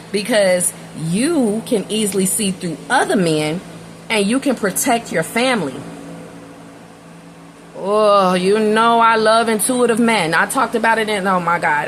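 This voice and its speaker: A woman's voice: mid-range voice, fairly bright tone, a little hiss or hum, poor audio. Woman giving a chatty, slangy tarot reading. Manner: casual, slangy, talks straight to the viewer. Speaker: tarot reader. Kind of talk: casual tarot reading and storytelling.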